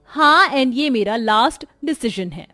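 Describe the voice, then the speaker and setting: A woman's voice: expressive, unhurried, pushed and bright. A woman voicing a bratty, lazy young sister-in-law. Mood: defiant. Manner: bratty and cheeky, high and sing-song. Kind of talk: cartoon voice acting.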